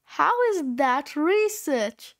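A woman voices a stern schoolteacher in a storybook reading, scolding and exasperated. Her voice is high and clipped. She speaks slowly. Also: lively intonation, heavily acted.

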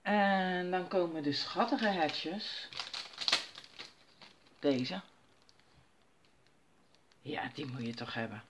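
A woman's voice: lowish voice, extremely slow, long pauses, slight background noise. A woman at home giving a casual crafting tutorial, chatting herself through each step as she works. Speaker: crafter demonstrating stamping. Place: at home while her children sleep.

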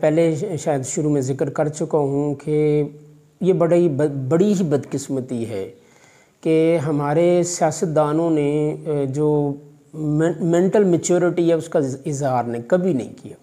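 A distant camera in an office captures a Pakistani college vice principal in his 50s, speaking with a Pakistani Urdu accent as he answers interview questions. His manner is measured and fatherly, with religious phrasing and hesitant fillers, and his voice is on the high side with a dark tone.

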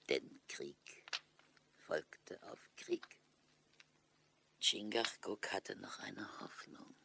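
A broken old Mohican chief in an audio drama. He tells things solemnly and wearily in a low, creaky voice, taking his time. Bitter dignity runs through it. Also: a bit bright, a little hiss or hum, full character voice. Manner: solemn, weary declaiming. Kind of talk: German audio drama acting, storytelling.

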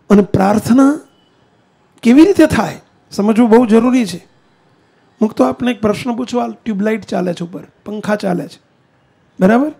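A man's voice: high-pitched, creaky, mellow, slightly rough. A man preaching a sermon in a temple hall, speaking straight to the congregation with questions and challenges.

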